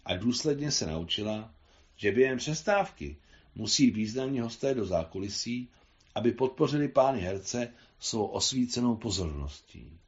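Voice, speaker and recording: A man reading his own translation of a novel aloud in a measured literary delivery, on a slightly dull recording. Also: medium pitch.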